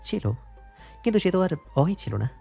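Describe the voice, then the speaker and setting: A man's voice: sits high, sing-song, normal speed, vocal fry, mellow, breathy edge, faint music behind, heavily acted. A man voicing a young man's restless inner voice, with curt, teasing asides. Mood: wry.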